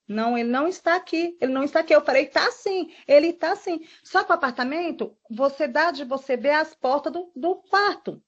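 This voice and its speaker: High-voiced woman giving testimony. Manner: emotional, rushed retelling with quoted dialogue. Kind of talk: recounting events in a formal statement. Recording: dull lo-fi recording.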